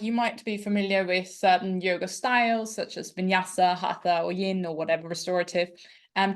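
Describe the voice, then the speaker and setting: A woman with a light Austrian accent talks gently on a podcast, feeling her way through her thoughts with soft fillers. She explains her yoga and nutrition work in a calm, thoughtful way, at an ordinary middle pitch. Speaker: podcast host, yoga teacher and dietitian. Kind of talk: podcast interview conversation.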